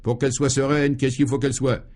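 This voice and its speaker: In a 1950s radio play, a man voices an irascible, blustering governor who bellows furious, sputtering tirades. His voice is medium-pitched, level, brisk and darkish, with only light acting.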